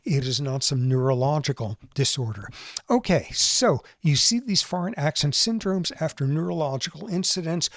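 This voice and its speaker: A man with a somewhat high voice explains brain science in a relaxed lecturing way, with quick jumps into mimicry. The sound is dry and close to the mic, with no room behind him. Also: no room sound. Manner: explanatory, animated, mimics accents briefly. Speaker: podcast host explaining neuroscience. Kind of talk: conversational lecture.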